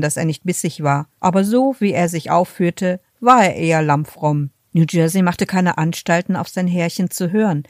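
A woman narrating a story in the first person, telling it in a lively way. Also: deep voice, no room sound, studio quality. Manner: lively storytelling, acts out the quoted commands. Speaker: audiobook reader.

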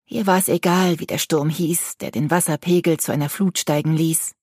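Older woman narrator, audiobook, low voice, dry close recording. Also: fairly even intonation, normal speed, a little mellow, husky, no room sound. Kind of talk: scripted narration.

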